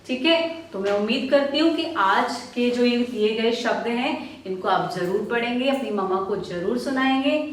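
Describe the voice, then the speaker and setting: Woman schoolteacher, slightly high voice, slow and patient, sounds far off in an echoey room. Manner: patient, repeats questions and answers them herself. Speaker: primary school teacher. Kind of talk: slow, syllable-by-syllable reading lesson for children. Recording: roomy echo, voice from a distance.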